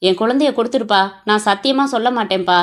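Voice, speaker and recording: A woman's voice: on the high side, fast talker, natural voice. A woman voicing a frightened man who pleads and worries for his kidnapped child. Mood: pleading. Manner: anxious and pleading.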